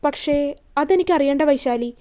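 A woman reading a story aloud, voicing a young man who is a tender, teasing lover and speaks softly. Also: high-pitched, moderate pace, natural voice. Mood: gentle. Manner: softly pleading and playful.

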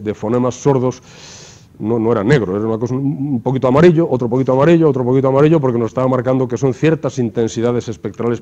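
A man's voice: on the low side, warm tone. A man lecturing to a class, explaining step by step and often checking in with rhetorical questions. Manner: explanatory, asks rhetorical questions with frequent tag "¿no?". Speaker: university lecturer. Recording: dull lo-fi lecture recording.

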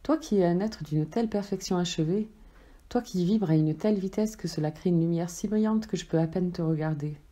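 A woman voicing an eager, wide-eyed little soul, asking questions in an excitable, sweet way. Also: fairly low pitch, brisk, natural voice. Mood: wondering.

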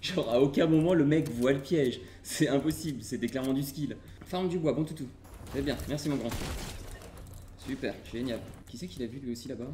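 A man from Burgundy, France, giving playful, excitable live gaming commentary as a streamer, swearing casually as he plays. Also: mid-range voice, a little fast, reverberant, noisy background.

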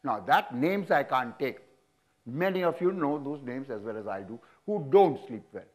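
A man's voice: mid-range voice, moderate pace. A man in his seventies with an Indian English accent, speaking frankly and animatedly as a guest in an on-stage interview, recorded on a lapel mic. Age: 70s. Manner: animated, frank, sweeping hand gestures, chuckling. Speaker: business leader guest. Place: auditorium stage.

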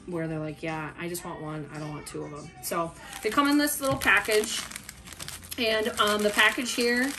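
A fairly bright, medium-pitched voice comes from a middle-aged woman doing a relaxed, lengthy product review. She talks informally at a table in a small room at home, with a camera set a short way off across the table.

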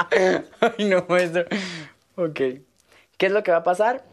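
A man's voice: high-pitched, takes it slowly. A man who is a singing student, chatting casually with his teacher in a joking, pleading way.

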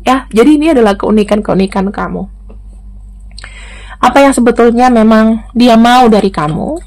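A young woman giving a relaxed tarot reading, her voice sitting a little high. She talks to the viewer in a chatty, familiar way as she goes through the cards. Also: moderate pace. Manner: chatty, addresses the viewer directly. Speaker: tarot reader. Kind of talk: casual tarot reading to camera.

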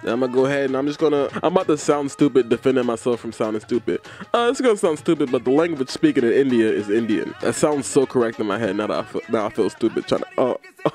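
A man's voice: medium pitch, animated, fast, darkish tone, soft background music. A man joking and rambling in a comedic vlog, with casual swearing. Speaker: YouTuber.

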